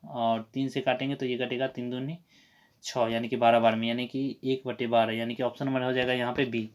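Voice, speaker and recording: A man teaching math, running through exam answers briskly, working the sums out loud and saying "okay" over and over. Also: medium pitch, level tone. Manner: brisk, repeats "theek hai" constantly; works sums aloud in a running drone.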